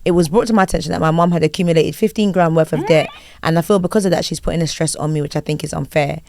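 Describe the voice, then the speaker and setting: A woman hosting a casual podcast chat, reading things out in a flat, formal way. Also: low voice, racing, vocal fry. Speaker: podcast host. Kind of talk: casual chat, reading lyrics and a letter aloud.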